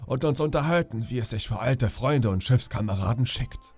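A man's voice: mid-range voice, animated, normal speed, a little mellow, husky, soft background music. A man voicing a sly old pirate who speaks in a falsely friendly, ingratiating way. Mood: wheedling. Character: sly old one-eyed male pirate, wheedling.

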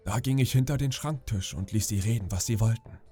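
A man reading a bedtime audiobook in a calm, measured storytelling way. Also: lowish voice, husky, faint music behind. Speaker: audiobook narrator.

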